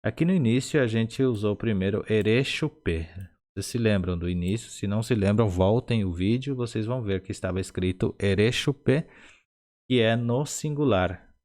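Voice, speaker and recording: A man teaching short phrases, speaking Portuguese with Spanish as his first language, patient and explanatory, repeating each phrase slowly syllable by syllable. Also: on the low side, darkish tone. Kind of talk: slow instructional explanation.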